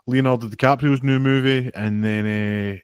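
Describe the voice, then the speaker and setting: A man's voice: medium pitch, fairly even intonation, normal speed, smooth, dry recording, clean studio sound. Man, casual and agreeable. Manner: informal, agreeable, peppers talk with 'aye'. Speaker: podcast co-host. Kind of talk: casual chat about TV and film.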